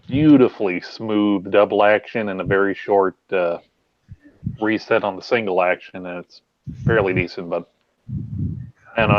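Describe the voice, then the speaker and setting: A man's voice: on the low side, no room sound, lo-fi sound. A man hosting a casual livestream group chat on a video call, joking crudely and talking about guns. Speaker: host.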